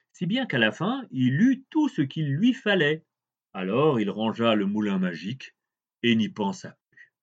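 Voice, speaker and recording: A man reading a fairy tale aloud in an expressive way, drawing out words for emphasis. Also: lowish voice. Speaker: storyteller. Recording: dull lo-fi recording.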